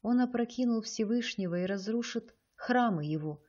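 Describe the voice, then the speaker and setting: A woman narrating an audiobook with a measured, expressive reading. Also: fairly high pitch, breathy edge, muffled recording.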